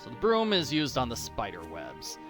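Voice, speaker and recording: A man's voice: mid-range voice, wildly swooping pitch, normal speed, a bit bright, soft background music. A man hosting a game walkthrough with casual, playful, jokey commentary.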